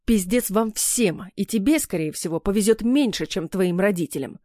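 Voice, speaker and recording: A woman's voice: medium pitch, lively intonation, normal speed, warm tone, no echo, close to an everyday voice. A woman reading an audiobook voices an angry, bitter young man who snarls and mocks in a dry recording. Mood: menacing. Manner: snarling, mocking. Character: menacing young male ex-fiancé, angry and bitter. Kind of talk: audiobook character voice.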